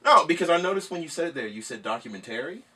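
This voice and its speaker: Teasing man from Tennessee, lively. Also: a little high, racing, a crowd in the background. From Nashville, Tennessee. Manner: teasing, joking, swears freely. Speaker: podcast co-host. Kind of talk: casual podcast banter. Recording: distant mic with faint noise.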